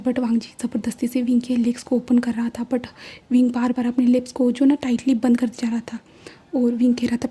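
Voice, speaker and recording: A woman narrating a fan fiction story in Hindi-English, in a soft, often whispered voice. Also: on the high side, breathy edge.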